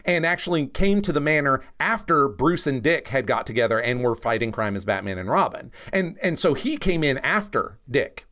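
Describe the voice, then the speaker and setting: Very animated and medium-pitched, this podcast co-host talks comics at a moderate pace with few pauses, his tone a little bright. He explains casually, shares plenty of opinions, and frequently checks in with the listener.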